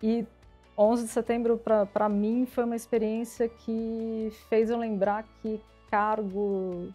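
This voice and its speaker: Lively woman telling stories. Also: on the high side, slow pace, dull audio, faint music behind. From São Paulo, Brazil. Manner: lively storyteller acting out quoted dialogue. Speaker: interview guest, IT executive. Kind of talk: casual storytelling interview.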